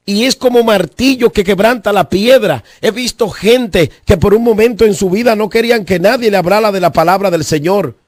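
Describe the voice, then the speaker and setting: A man's voice: high-pitched, dry recording. A male pastor preaching a fervent sermon, repeating phrases and appealing directly to listeners.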